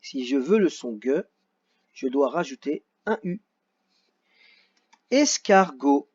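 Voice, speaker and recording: A male teacher works through a children's worksheet in a slow, lively voice that rises and falls a great deal. He sounds out each syllable with patience. The audio is dull and lo-fi. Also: a little high, slightly rough.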